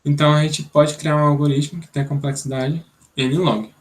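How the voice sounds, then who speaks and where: A young Brazilian man teaches an online programming class in a slightly high voice with little pitch movement, speaking at a moderate pace. As an instructor he explains things step by step, thinking aloud and repeatedly checking in with "né?".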